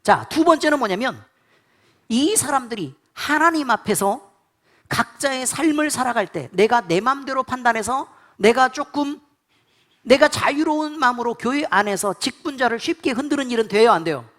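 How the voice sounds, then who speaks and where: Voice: mid-range voice, lively intonation, moderate pace, a bit bright. A pastor preaching a sermon in blunt, colloquial speech, repeatedly quizzing the congregation with call-and-response questions.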